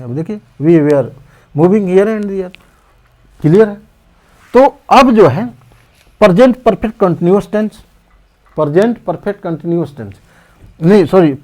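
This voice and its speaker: A man teaching English grammar in an explanatory lesson, repeating the rules and slowly dictating example sentences. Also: high-pitched, a little mellow.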